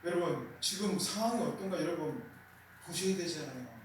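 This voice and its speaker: A man's voice: on the high side, expressive, moderate pace, far from the mic. Male pastor, emphatic sermon delivery with repeated key words, very echoey room with faint background noise. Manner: rhetorical questions with call-and-response. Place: small church.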